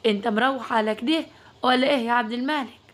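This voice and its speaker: A woman's voice: on the high side, fast talker, lightly acted. Woman playing a teasing young cousin. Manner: teasing banter.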